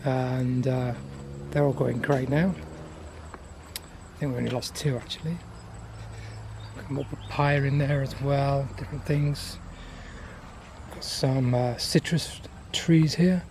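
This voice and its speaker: A man giving a casual, unscripted garden tour outdoors, listing things in an unhurried, appreciative way. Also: mid-range voice, steady tone. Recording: outdoor ambient noise.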